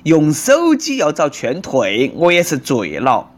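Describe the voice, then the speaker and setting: A man's voice: fairly high pitch, wildly swooping pitch, unhurried. A man with a Nanchong Sichuanese accent, delivering comic news commentary in a sarcastic, bantering way.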